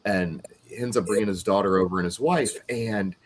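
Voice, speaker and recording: Animated male artist telling convention stories. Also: lowish voice, normal speed, slight background noise. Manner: animated storyteller, acts out customers' voices. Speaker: podcast host and artist. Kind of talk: casual chat.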